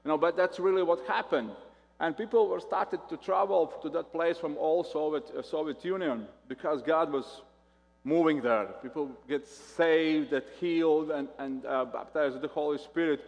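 Man, Latvian accent, guest sermon, halting and repetitive, slightly raised pitch, long hall reverb. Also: vocal fry. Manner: halting, repeats words often. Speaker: guest pastor.

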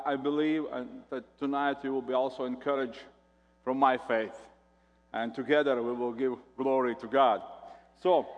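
A man from Latvia with a Latvian accent, a guest pastor preaching a sermon, talking in a halting way and often repeating words. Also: medium pitch, in a large hall, dull audio.

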